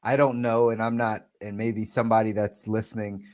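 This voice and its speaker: A man's voice: lowish voice, level tone, brisk, darkish tone. A man in his thirties co-hosting a podcast, talking things through in a casual, reflective way and often checking in with "right?". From United States. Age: 30s. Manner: reflective, thinks aloud with many "right?" asides. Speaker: podcast co-host. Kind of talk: casual chat.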